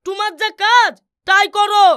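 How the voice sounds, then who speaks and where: A stingy, self-pitying village man from a comic cartoon, acted by a woman, weeping and complaining. The voice sits very high and bright. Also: flat delivery, normal speed. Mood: scolding. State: crying.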